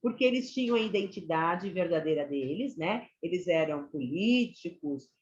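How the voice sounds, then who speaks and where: A woman's voice: on the low side, expressive, normal speed, a little mellow. A Brazilian woman teacher giving a chatty online literature lesson to students, often checking in with them. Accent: Brazilian Portuguese. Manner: chatty, addresses students as "gente" and "galera". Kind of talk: online class lecture. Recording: slightly dull lo-fi sound.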